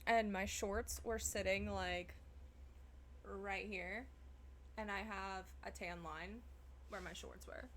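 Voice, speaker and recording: A woman's voice: medium pitch, fairly even intonation, takes it slowly, long pauses, slight background noise. A woman streamer chatting casually with her viewers, chatty and self-deprecating, laughing often. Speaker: live streamer. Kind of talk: casual live-stream chat.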